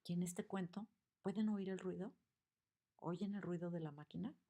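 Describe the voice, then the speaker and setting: A woman teaching a lesson on picture books, expressive and asking her listeners questions. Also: lowish voice, moderate pace. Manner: expressive, acts out the examples, asks the audience questions.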